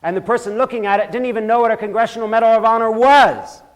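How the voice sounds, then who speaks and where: A very high-pitched, fast-talking older man from Switzerland gives an impassioned talk in a church. The lecture becomes more heated and emphatic over time, and he often starts his sentences over.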